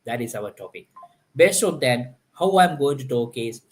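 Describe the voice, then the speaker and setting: The host of a live-streamed panel, a man, speaks in a medium pitch with animated energy at a normal speed. His talk is loose and full of fillers like "like, you know," and he repeatedly restarts sentences.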